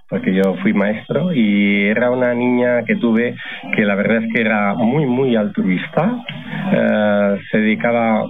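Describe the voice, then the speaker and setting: A retired novelist in his sixties, whose first language is Catalan, tells his stories in a measured, thoughtful way as a guest in a radio interview. His voice is lowish, and the phone-like broadcast carries crowd chatter behind him.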